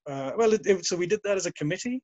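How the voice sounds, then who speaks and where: High-pitched and lively, this man talks in rapid-fire bursts with a slightly mellow tone. He's a native English speaker and the guest on a casual call interview, spinning long tales of the past and fixing his own words as he goes. The sound is lo-fi without echo.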